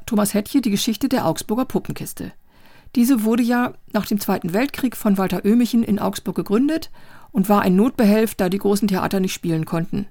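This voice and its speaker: A woman presenting and reviewing novels in a measured, deliberate way. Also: medium pitch, creaky, dark tone, no room sound, clean studio sound. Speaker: book reviewer. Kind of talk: book review.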